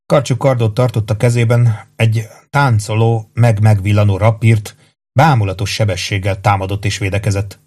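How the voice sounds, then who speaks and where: A man reading a fantasy novel aloud in a measured, even storytelling manner. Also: fairly low pitch. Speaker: audiobook narrator. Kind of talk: scripted narration.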